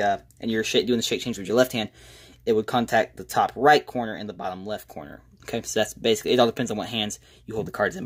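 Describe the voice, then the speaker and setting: A man with a lowish voice walks through a tutorial step by step at a quick clip. His delivery is informal and modest, like someone casually showing viewers how a trick works. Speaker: magic tutorial presenter.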